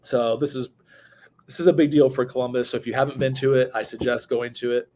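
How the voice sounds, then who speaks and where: A man's voice: mid-range voice, fairly even intonation, quick pace, mellow. A man, co-hosting a casual chat while he has the hiccups, often repeating words as he starts sentences. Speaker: podcast co-host.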